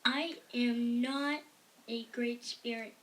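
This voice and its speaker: A woman voicing a humble, earnest male missionary sock puppet with halting, deliberate delivery in an amateur show. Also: a little high, fairly even intonation. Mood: solemn. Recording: distant mic with faint noise.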